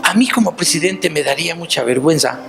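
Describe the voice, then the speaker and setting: A man's voice: fairly high pitch, animated, fast, vocal fry, over music. A man with a Mexican accent preaching a sermon, telling stories and asking the listeners questions directly. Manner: storytelling, addressing listeners directly with rhetorical questions.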